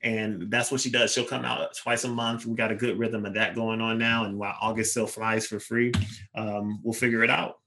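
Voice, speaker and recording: A young man, a touring basketball player, telling lively anecdotes in a casual interview with quick asides. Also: lowish voice, noisy background.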